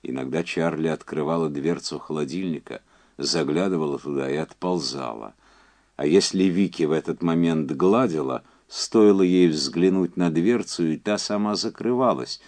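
A man reading a novel aloud as an audiobook narrator, his voice sitting very low. He tells the story at a measured, even pace, letting the sentences unfold steadily. Scripted narration throughout.

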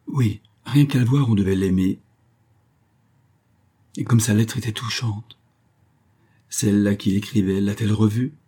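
Brief: male reader voicing a contrite teen boy, hesitant and eager, husky tone. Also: on the low side, flat delivery, normal speed, warm tone, close to an everyday voice. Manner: stammering, eager questions. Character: shy, contrite thirteen-year-old boy. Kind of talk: audiobook reading.

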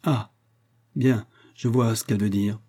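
A man's voice: on the low side, steady tone, unhurried, warm tone. A man voicing an elderly, chatty and self-deprecating spinster in an audiobook reading, fluttery and apologetic. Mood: hurt.

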